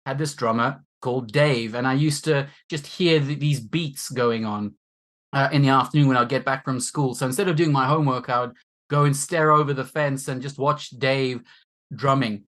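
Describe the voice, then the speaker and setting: A man in his forties from Zimbabwe, a guest on a podcast, talking in a loose, rambling way. He laughs at himself and fills his pauses with ums and restarts. His voice sits at an ordinary middle pitch. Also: fairly even intonation, a bit bright. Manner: rambling and self-deprecating, with many fillers. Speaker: guest musician and marketer. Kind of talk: casual chat.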